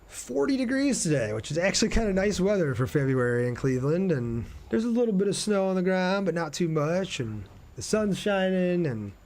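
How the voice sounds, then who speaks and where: This Ohio streamer has a high, darkish voice that swings widely in pitch, and he talks briskly with few pauses. With his American accent, he keeps up relaxed, conversational chat aimed straight at the viewers watching his game.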